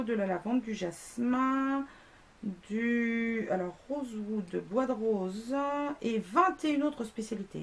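Casual woman vlogger in her thirties, medium pitch, talkative and self-mocking, light noise behind her. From France. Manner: chatty, self-deprecating, many fillers. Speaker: beauty blogger. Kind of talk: casual product review.

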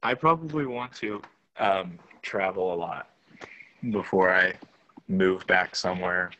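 A man's voice: sits low, measured pace, bright, forceful tone, poor audio. A young college student, a man, chatting casually on a video call from his phone, his voice bitcrushed and crunchy from a bad connection, hesitant with ums and restarts. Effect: bitcrushed, crunchy bad-connection audio. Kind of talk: casual group video chat.

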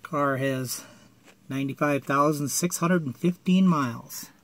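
A man with a fairly high, somewhat bright voice films his old car outdoors and from the driver's area on a handheld phone. At a measured pace he describes it plainly, with plenty of fillers, in a casual walkaround clip. Slight background noise is present.

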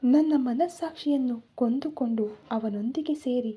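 A woman's voice: high voice, normal speed, mellow, slightly rough. A woman voicing a hurt, defiant young mother who pleads tearfully in a storybook reading. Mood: hurt, pleading.

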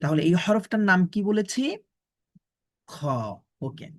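A man with a Bangladeshi Bengali accent leads a Quran pronunciation lesson. He speaks very slowly, stretching out each Arabic syllable and repeating it for his learners. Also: sits high. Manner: slow, drawn-out syllable drills. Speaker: Quran teacher. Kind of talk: slow recitation lesson.

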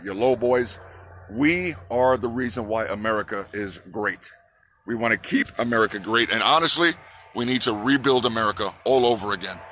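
Rousing bright-voiced man giving a protest speech. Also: medium pitch, slight background noise. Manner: rousing, repeats slogans, asks the crowd to answer. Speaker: trucker activist. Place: outdoors on a city sidewalk by a park. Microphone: phone held at arm's length.

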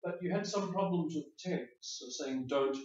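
A patient male IELTS speaking teacher gives spoken test feedback in an echoey classroom, explaining carefully and repeating words while he thinks. His voice is fairly high and a little mellow, at normal speed. The distant mic sounds dull in the echoey room.

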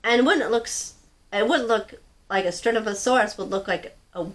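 A woman's voice: a little high, normal speed. A young woman hosting a children's story time, guiding a child through movements and reading a picture book aloud in a sing-song, encouraging way. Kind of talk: leading a kids' movement activity and reading aloud.

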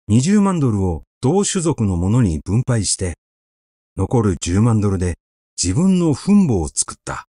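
With a mid-range voice, a male audiobook narrator tells a literary short story, measured yet expressive. The recording is dry and of studio quality.

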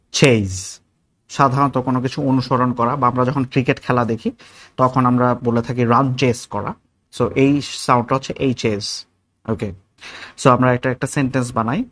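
A man from Bangladesh with a Bangladeshi accent teaches English pronunciation in a video lesson, explaining slowly with fillers and repeating each example word. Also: medium pitch, level tone, fairly bright tone, dry recording.

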